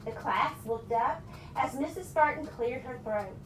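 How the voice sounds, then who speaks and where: A woman reads aloud to children, pausing to question them. Her high voice is very lively, picked up from a distance in an echoey, slightly noisy room. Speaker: storyteller reading to children. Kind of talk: animated picture-book read-aloud with questions to children. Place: echoing room with children present. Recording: roomy, distant mic with background noise.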